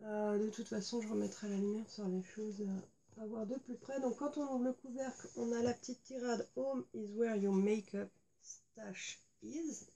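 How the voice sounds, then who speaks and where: Chatty woman with a gravelly, mellow voice. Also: on the high side, little pitch movement, moderate pace, slight background noise. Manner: chatty, many fillers, hesitant. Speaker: beauty vlogger. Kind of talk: casual unboxing chat. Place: indoors at home.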